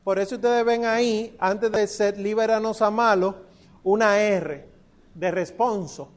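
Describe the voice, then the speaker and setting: A man's voice: sits high, steady tone, measured pace. A man teaching a congregation to chant, patiently coaching their pronunciation syllable by syllable. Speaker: liturgical chant instructor.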